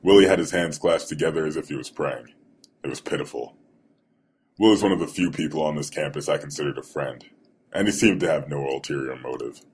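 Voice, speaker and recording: A young man narrating his own story in a dry, deadpan and wry manner. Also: very deep voice, a little fast, a little hiss or hum. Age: young adult. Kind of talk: scripted first-person narration. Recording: guitar music under the voice.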